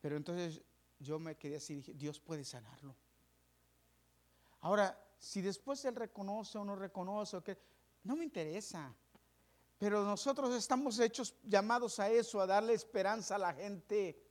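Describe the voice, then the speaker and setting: With a high-pitched voice and moderate pace, this male preacher tells a story during his sermon, letting his voice fall to a hush and then swell into passionate, raised preaching.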